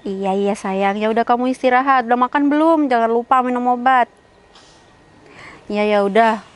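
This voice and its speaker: A woman's voice: fairly high pitch, normal speed, lightly acted. A woman playing a chatty, bossy young woman hunting for a house, talking to herself and nagging on the phone, in an amateur skit.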